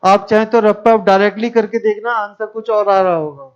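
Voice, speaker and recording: High clear-voiced male math teacher. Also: fairly even intonation, a little fast, dull audio. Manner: explains step by step, questions the class. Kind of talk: classroom lecture.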